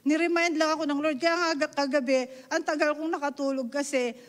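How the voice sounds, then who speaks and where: A middle-aged woman from the Philippines delivers a sermon in an earnest, emotional way, switching between Tagalog and English and checking in with her listeners. Her voice sits a little high. The sound rings with the long reverb of a hall. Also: fairly even intonation, fairly quick. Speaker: preacher. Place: church hall.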